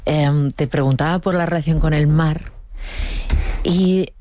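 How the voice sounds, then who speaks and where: A woman hosting a radio interview, asking gentle, probing questions. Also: low-pitched, fairly even intonation, unhurried, slight background noise.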